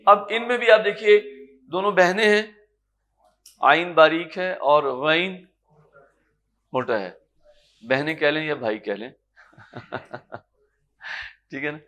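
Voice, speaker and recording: A man with a Pakistani Urdu accent and a somewhat high voice teaches a tajweed lesson in a lecture room. He explains patiently and stretches out each Arabic letter slowly and loudly. His manner stays calm and encouraging. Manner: sounds out Arabic letters slowly, drawn-out and loud. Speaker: Quran recitation teacher.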